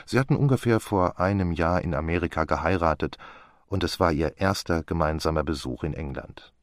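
A man narrating a detective story in the first person for an audiobook, in a measured storytelling delivery. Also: sits low, no room sound, clean studio sound. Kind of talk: scripted narration.

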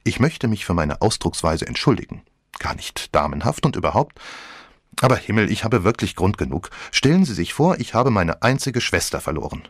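A man's voice: lowish voice, very animated, normal speed, dry recording, clean studio sound. A man voicing a flippant, teasing girl of about seventeen in an audiobook, with theatrical, mock-dramatic speech.

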